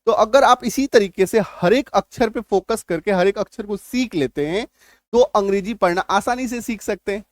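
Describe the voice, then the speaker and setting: A man's voice: sits high, moderate pace, no room sound, clean studio sound. A man giving a spoken lesson as an English teacher, explaining step by step and often checking that the listener follows.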